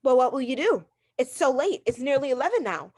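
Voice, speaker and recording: In this 1940s radio-drama performance, an actress plays a bedridden wife with a high, fretful voice who is neurotic and imperious, pushing her points hard and stammering under challenge. She speaks fairly quickly and very animatedly, her darkish tone carrying a breathy edge and an exaggerated quality, sounding both anxious and demanding.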